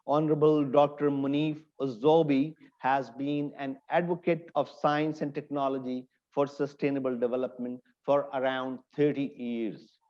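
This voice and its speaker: A man's voice: mid-range voice, darkish tone, lo-fi sound. A man hosting an interview, reading a formal introduction and asking questions with some hesitation. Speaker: interview host.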